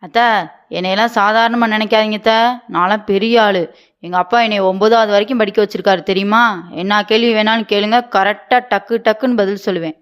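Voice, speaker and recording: A woman's voice: medium pitch, fairly even intonation, brisk, clear, resonant tone, lightly acted. A woman voicing a naive, stubborn young wife with big dreams in a cartoon comedy. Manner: stubborn, boastful, childlike.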